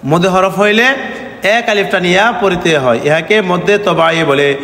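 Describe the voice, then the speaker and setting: A man teaching letter-by-letter reading, spelling out letters and chanting the syllables slowly, asking questions and answering them himself. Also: sits high, fairly bright tone, echoey room, big-room sound. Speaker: Quran teacher. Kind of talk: recorded reading lesson.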